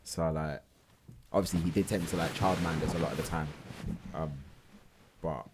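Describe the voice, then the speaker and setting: A man's voice: rumbling low, steady tone, normal speed, noisy background. A man, chatting casually and reflectively.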